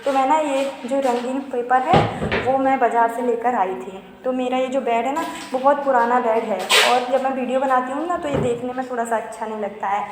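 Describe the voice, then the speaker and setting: A woman's voice: high-pitched, moderate pace. A young woman vlogging casually about her home from the rooftop on a handheld phone, rambling and chatty with many fillers. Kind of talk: casual home vlog chat. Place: rooftop of a house, outdoors. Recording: noisy outdoor recording.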